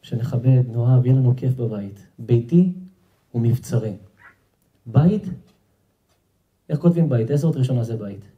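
A man, a rabbi, giving an emphatic sermon to guests at a house-warming gathering, often repeating himself and speaking straight to the crowd. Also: medium pitch, lively intonation, pauses often, phone-quality sound. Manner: emphatic, repeats himself, talks directly to the audience. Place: home gathering with an audience.

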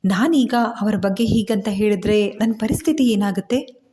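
Woman doing scared young wife, pleading, worried questions, mellow voice. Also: fairly low pitch, normal speed, slight background noise, natural voice. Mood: anxious. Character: frightened young wife, anxious and tearful.

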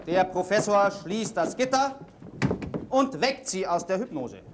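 A man narrating a comic sketch in a measured, dramatic storytelling manner. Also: sits high, very animated. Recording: 1970s TV studio, audience, hiss. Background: studio audience.

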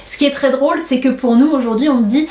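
A young woman hosting a book-club podcast, talking with lively enthusiasm about her reading and reading passages aloud. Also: high-pitched, fast talker. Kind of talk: casual book-review talk and reading aloud. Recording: roomy echo.

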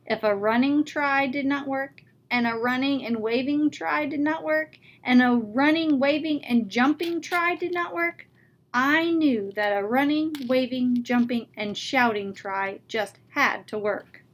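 A woman reading a children's story, voicing a calm, patient male frog who keeps encouraging his friend. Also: high voice, unhurried.

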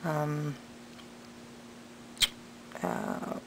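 Woman, casual craft vlog, gravelly fry, slight tongue-piercing impediment, hesitant enthusiastic chat, noticeable background noise. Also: sits low, flat delivery, very slow, a little mellow. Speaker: craft vlogger and pattern seller. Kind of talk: casual unscripted show-and-tell chat. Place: indoors at a craft table at home. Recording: clearly noisy home recording.

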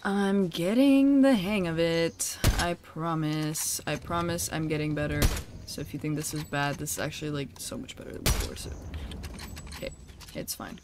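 A woman's voice: sits low, moderate pace. A young woman streaming a shooter game, chatting and laughing with friends about her aim. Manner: giggly, self-deprecating banter. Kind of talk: casual gaming chat with friends. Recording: noisy stream audio.

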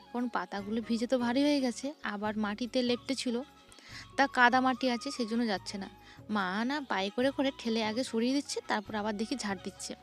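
A young woman, narrating her morning chores in a chatty home vlog. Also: a little high. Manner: chatty, describing chores as she goes. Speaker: vlogger.

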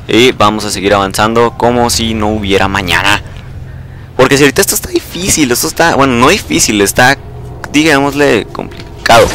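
A young man, casually commentating live gameplay, excitable and repeating words in bursts. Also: medium pitch, a little hiss or hum.

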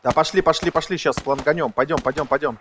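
A man's voice: on the high side, fast. A man in gaming voice chat, calling out targets urgently and swearing heavily. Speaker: squad gamer. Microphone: gaming voice chat mic. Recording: noisy game audio with gunfire. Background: gunfire, artillery, clicks.

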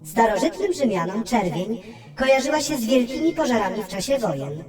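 Robi, a lecturing ship computer. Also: female voice, on the high side, very animated, fairly quick, darkish tone, soft background music. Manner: lecturing, factual, beeps before speaking. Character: Robi, know-it-all female onboard computer. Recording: roomy, distant and echoey.

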